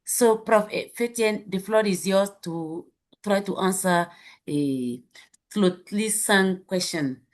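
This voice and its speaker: A woman's voice: mid-range voice, slow pace. A woman with a French accent facilitating an online webinar over a video call, chatty and laughing often.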